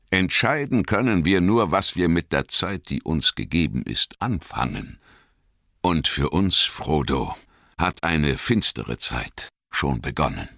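A man voicing an ancient male wizard, grave and wise, speaking slowly and solemnly in an audiobook reading. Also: very deep voice, sharp tone, dry recording, clean studio sound, exaggerated voice. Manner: slow, solemn storytelling.

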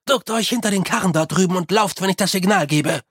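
A narrator doing a sly old monk. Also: male voice, high-pitched, fast, a bit bright, breathy edge, dry recording, studio quality, pitched above the performer's own voice. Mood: commanding.

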